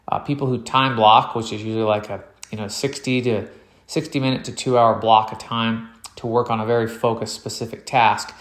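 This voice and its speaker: A man hosting a podcast in a relaxed, rambling way, his voice nasal while he recovers from nasal surgery. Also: medium pitch, reverberant. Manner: relaxed, rambling, many fillers. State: recovering from nasal surgery, talks a little funny. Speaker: podcast host. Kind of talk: casual solo podcast talk.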